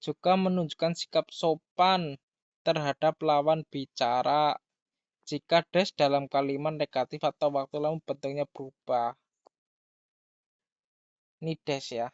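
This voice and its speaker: A man's voice: a little high, fairly even intonation, unhurried, long pauses, no room sound. Man, grammar teacher, repeats key words, reads examples aloud, dull lo-fi sound. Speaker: language teacher. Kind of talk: explaining grammar lesson.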